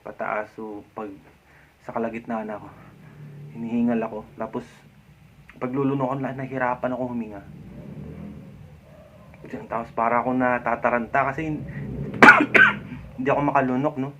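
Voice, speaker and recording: A man in the middle of his range talks through casual advice like a friend, with plenty of checking-in tag questions and the odd soft chuckle. The recording sounds muffled and lo-fi. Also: medium pitch, level tone, moderate pace, pauses often, a little hiss or hum. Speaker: vlogger. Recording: dull lo-fi sound.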